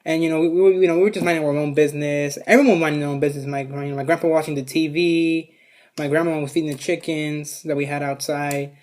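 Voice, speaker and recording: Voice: medium pitch, steady tone, fast talker, a little mellow. A vlogger tells a story to a camera set up in front of them. The talk rambles, with many restarts and fillers. It swears freely in a loose, casual storytime style.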